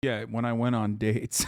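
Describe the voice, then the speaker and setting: Swearing freely, a thirtysomething streamer reacts to videos and trades blunt, casual jokes with his live chat. His voice is medium in pitch and a bit bright, in studio-quality audio with no room sound.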